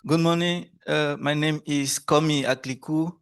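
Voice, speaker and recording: A man's voice: fairly high pitch, steady tone, a little slow, a bit bright, clear, resonant tone. A man with a Togolese accent gives a spoken self-introduction to a group. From Togo. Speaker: course participant, doctor.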